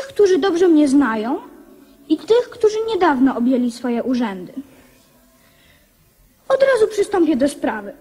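A woman's voice: sits high, a little mellow. An actress playing an earnest, resolute young boy king in a radio drama, with a solemn, declarative manner. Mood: formal, composed.

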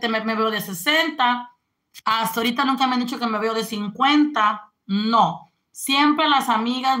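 Bright-voiced chatty woman in her forties. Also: a little high. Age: 40s. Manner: chatty, greets viewers, reads out comments. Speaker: live-stream host. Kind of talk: casual live-stream chat.

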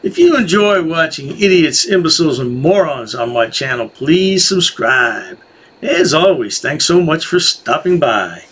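A man's voice: a little high, lively intonation, normal speed, few pauses, fairly bright tone, husky. A middle-aged man giving a mocking, sarcastic commentary voice-over as the host. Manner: sarcastic, scornful.

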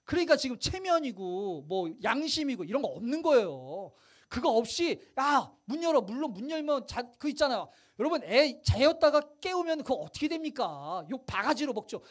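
A man preaching a sermon in a church, with a voice that sits high for a man. He talks to the congregation casually and keeps throwing questions back at them to drive his point home. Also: normal speed. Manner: animated, conversational preaching with rhetorical questions to the congregation. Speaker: pastor. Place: church sanctuary.

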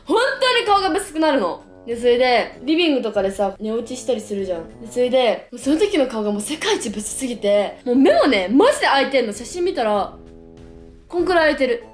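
A woman's voice: fairly high pitch, fast talker. Slangy young woman chatting in echoey room. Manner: chatty slangy young woman, lively storytelling with playful exaggeration. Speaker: vlogger. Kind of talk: casual chat to camera. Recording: echoey room with faint music. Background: faint background music.

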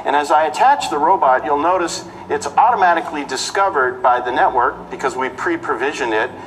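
A man's voice: on the high side, fairly quick, a bit bright, a little hiss or hum, rough recording. A middle-aged man running a live technical demo on a conference stage, explaining each step in turn. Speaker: product demonstrator.

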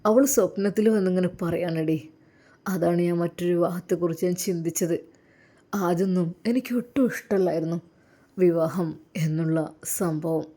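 A woman performs a gentle widowed male religious teacher for a spoken story drama. The voice is mellow and warm, and the delivery is soft and coaxing. He reassures in a tender, unhurried way. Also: lowish voice, close to an everyday voice. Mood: earnest.

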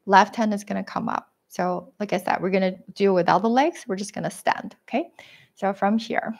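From her living room, a woman with a medium-pitched, gravelly voice leads a live tai chi class, picked up by a webcam and room mic as she moves around. She gives gentle step-by-step cues, slipping in frequent "right?" and "okay?", along with self-deprecating laughs.

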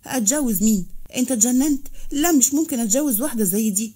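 A woman's voice: a little high, expressive, fast talker, dark tone, husky. A woman voicing a proud, angry male boss in an Egyptian accent, indignant and resentful.

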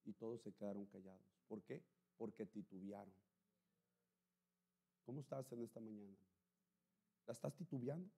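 A male pastor preaching a sermon with fervor. He moves between quiet asides and loud outbursts and jokes bluntly with his congregation. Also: lowish voice, normal speed, vocal fry, pauses often, husky. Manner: fervent preaching, swinging from quiet to shouting.

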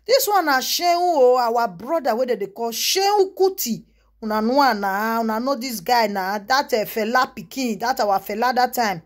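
A woman with a Nigerian Pidgin accent, telling a gossip story to her viewers in a lively, exclaiming way with repeated asides. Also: fairly high pitch, moderate pace. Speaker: vlogger. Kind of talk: casual gossip commentary.

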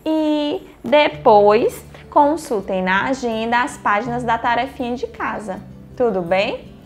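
A woman teaching young children, speaking gently and encouragingly, asking questions and answering them herself. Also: a little high, moderate pace, soft background music. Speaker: primary school teacher. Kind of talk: slow, sing-song lesson for young children.

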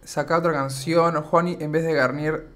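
A man's voice: fairly high pitch, steady tone, normal speed, fairly bright tone. Chatty Argentine young man streaming. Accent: Argentine Spanish. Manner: chatty, rambling, reads chat aloud. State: worn-out voice. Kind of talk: casual live stream chat reading comments.

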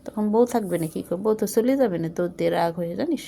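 A woman's voice: lowish voice, fast, creaky, warm tone, slight background noise. A woman chatting to her cats at home, coaxing and teasing them and repeating herself over and over. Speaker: vlogger talking to her cats. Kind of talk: casual coaxing talk to pets. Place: home, in a bedroom.

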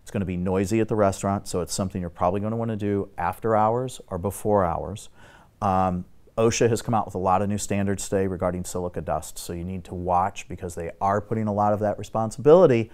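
A middle-aged man with a fairly low voice, a guest expert on building exteriors, talks at a quick pace on a studio talk show set. He walks through repair work point by point, keeping his explanations steady, technical and instructive.

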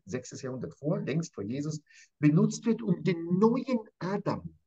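Man, professor teaching, emphatic, slightly high voice, dull lo-fi recording. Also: breathy edge. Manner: emphatic, repeats phrases, often addresses his interviewer by name. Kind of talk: animated conversational Bible lesson.

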